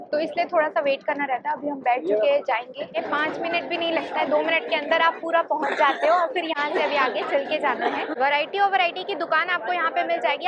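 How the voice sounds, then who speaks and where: A young woman films a travel vlog on her phone held at arm's length, chatting upbeat like a tour guide as she explains each stop on a ferry and a busy island path. Her voice sits high against heavy background noise, and the lo-fi phone audio sounds dull with a crowd behind her.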